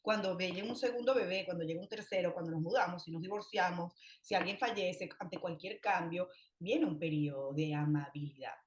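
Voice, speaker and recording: A woman talking calmly in a podcast conversation, explaining parenting ideas and acting out what parents say. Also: lowish voice, brisk, few pauses. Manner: calm, explanatory, acts out parent voices. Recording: roomy echo.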